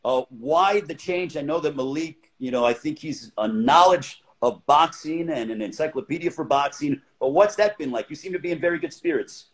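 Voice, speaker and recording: Brisk, upbeat male livestream interviewer. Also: fairly high pitch. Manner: brisk and upbeat, with many fillers. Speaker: interviewer, host.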